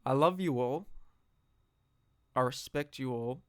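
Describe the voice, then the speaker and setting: A man giving an earnest, reflective philosophical monologue, speaking deliberately in short phrases with long pauses. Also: medium pitch, dry recording, studio quality. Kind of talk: solo reflective monologue, slow spoken address.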